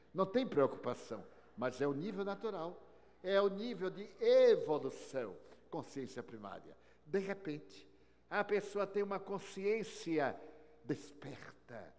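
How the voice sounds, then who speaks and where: An older man delivers an inspirational lecture, his fairly high voice rising and falling in wide, lively swings. He tells his stories with wry humor, dropping soft and then ringing out loud. His words carry a long reverb from a large hall. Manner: storytelling with wry humor, sweeping swings in loudness.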